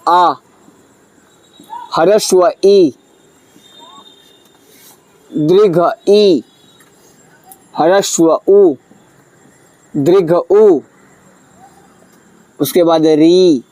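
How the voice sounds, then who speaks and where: Brief: man teaching a lesson, high voice, dry sound, asks and repeats. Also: dark tone, no room sound. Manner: asks questions and answers them himself, repeats key words. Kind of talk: classroom lesson.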